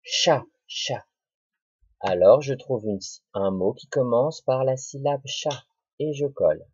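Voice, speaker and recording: A male teacher talks young children through a lesson, slow and deliberate, repeating words and syllables. His voice is mellow and a little husky. The recording is dull, lo-fi and dry. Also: mid-range voice, expressive, dry recording.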